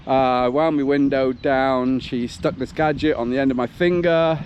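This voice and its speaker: A man's voice: medium pitch, fairly even intonation, normal speed, a little mellow, highs cut off. A man chatting casually and hesitantly to a vlog while out on a run beside country roads. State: occasional dry cough. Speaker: running vlogger. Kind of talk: casual outdoor vlog chat. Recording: noisy outdoor recording with passing traffic. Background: cars and motorbikes going by.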